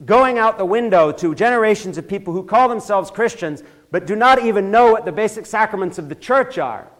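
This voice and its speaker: His voice sits high, fairly bright, animated and brisk: an older man from Switzerland delivering an impassioned church lecture. As he goes he grows heated and emphatic, frequently restarting his sentences.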